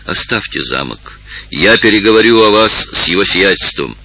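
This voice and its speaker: A man's voice: low-pitched, lively intonation, normal speed, creaky, pushed and bright, heavily acted. A man reading aloud and voicing a pale old male village elder who pleads and commands with a raised voice. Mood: pleading.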